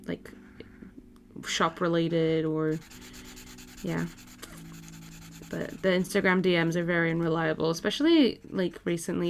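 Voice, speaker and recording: A woman's voice: on the low side, vocal fry, slight background noise. A woman in her twenties, from Portugal, chatting casually with viewers on a live stream while she draws, laughing easily as she answers messages. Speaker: art streamer.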